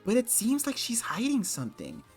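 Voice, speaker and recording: A man voicing a dramatic male game-trailer announcer with a slow delivery. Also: extremely high pitch, wildly swooping pitch, husky, faint music behind, pitched above the performer's own voice, full character voice.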